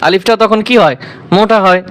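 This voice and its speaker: A male Quran teacher giving a lesson on letter pronunciation. He speaks patiently, drawing letters out slowly and asking questions before he answers them. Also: high voice, a bit bright, a little hiss or hum. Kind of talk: recitation lesson.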